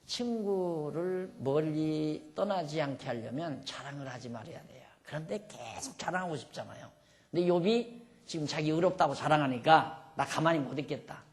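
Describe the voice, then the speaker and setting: Man teaching a lively Bible lecture. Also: on the high side. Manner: lively, dramatizes the speakers in the text.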